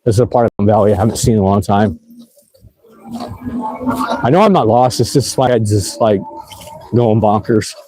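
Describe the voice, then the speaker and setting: A man narrates a nighttime e-bike ride through city streets on livestream, rambling casually with many fillers and laughs. His voice is lowish, warm, and slightly rough, with a sing-song quality, normal speed, and long pauses. The recording is rough.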